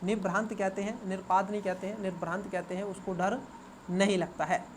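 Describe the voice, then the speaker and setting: Repetitive coaching teacher drilling answers. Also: male voice, high-pitched, flat delivery, a little fast, background noise. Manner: repeats words and asks students rhetorical questions. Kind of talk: exam paper answer walkthrough.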